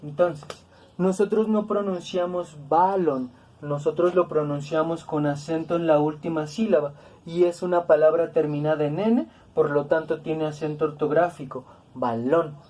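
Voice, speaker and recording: A woman teaching a grammar lesson, speaking slowly and deliberately, repeating words to stress each syllable. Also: low voice, fairly even intonation, warm tone. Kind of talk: classroom-style grammar lesson.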